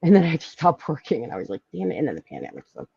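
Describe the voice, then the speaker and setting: A woman's voice: sits low, racing, breathy edge, no echo, muffled recording. Chatty woman with a Philly accent. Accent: Philadelphia. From Philadelphia. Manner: chatty, lively, laughs often, many fillers. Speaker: podcast host. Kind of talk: casual live-stream chat.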